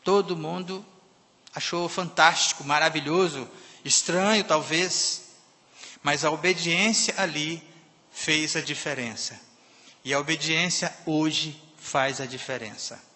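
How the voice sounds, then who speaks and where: Man, preacher, sermon, emphatic, loud and soft swings, long church reverb. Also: a little high, a little slow. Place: church sanctuary.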